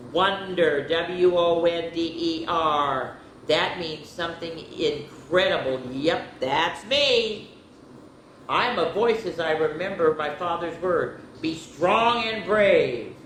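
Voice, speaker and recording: A woman with a fairly low voice reads a picture book aloud to children at story time, unhurried, bright and emphatic, adding asides and clearing her throat in an animated delivery. The roomy, echoey space adds faint background noise.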